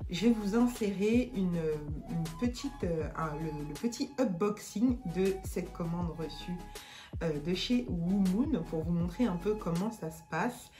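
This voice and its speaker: Slow, hesitant French-speaking woman. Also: mid-range voice, expressive, mellow, soft background music. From France. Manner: hesitant, many fillers and restarts. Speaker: vlogger. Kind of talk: casual unboxing chat.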